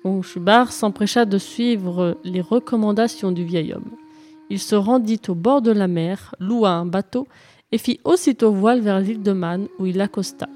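Woman storyteller, steady storybook reading, faint music under. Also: medium pitch. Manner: calm, even reading of a fairy tale. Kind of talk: storybook narration.

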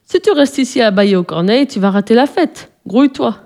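Lively old ghost uncle in a storybook, cheeky and teasing, as a woman reads him, voice jumps up high. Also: a little fast. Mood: bossy, pleased. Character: jaunty old male ghost great-great-great-uncle, mustached.

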